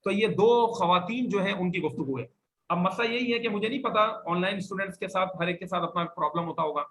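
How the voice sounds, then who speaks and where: Firm, bright-voiced male Arabic teacher. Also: high voice, low-quality recording. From Pakistan. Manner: firm, corrective, drills students. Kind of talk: classroom lesson with online students.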